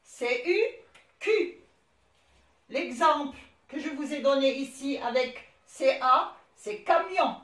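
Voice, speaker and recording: Brief: female primary teacher, high voice, very slow and deliberate, spelling out each letter; echoey room. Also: lively intonation, a bit bright. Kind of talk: recorded classroom lesson.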